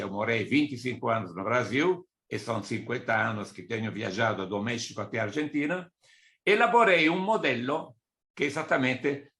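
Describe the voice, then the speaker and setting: Giving a presentation as an export consultant, an older Italian man explains business topics in a didactic way, in Italian-accented speech as a native Italian speaker. He works in asides and runs through lists of examples, his mid-range voice sounding pushed and bright.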